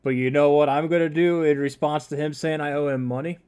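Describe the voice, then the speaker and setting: A man's voice: a little high, fairly even intonation, fairly quick, darkish tone, clear, resonant tone. Amused man doing game commentary. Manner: amused, reading game text aloud. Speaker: gamer playing through a game. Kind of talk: casual let's play commentary.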